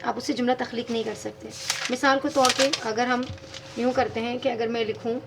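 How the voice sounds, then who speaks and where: A woman's voice: on the high side, steady tone, fairly quick, creaky, noisy background. A woman teaching English grammar in a video lesson, patiently explaining step by step and spelling words out letter by letter.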